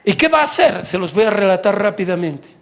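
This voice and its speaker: A male pastor preaching a sermon in church, animated, swinging from loud exhortation to quiet asides. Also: sits high, brisk.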